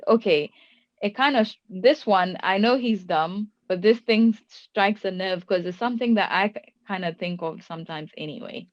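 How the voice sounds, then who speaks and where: A woman's voice: medium pitch, normal speed, no echo, lo-fi sound. A young woman in her twenties hosts a casual podcast chat, thinking aloud and asking probing questions. The recording is dry and close, with a slightly dulled top end. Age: 20s. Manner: reflective, asks probing questions. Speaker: podcast host.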